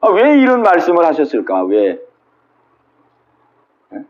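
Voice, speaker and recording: Lively high-voiced male pastor preaching. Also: a little slow, dull audio. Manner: retells scripture with dramatic quoted voices, asks the congregation questions. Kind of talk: sermon. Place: small church, Wednesday service.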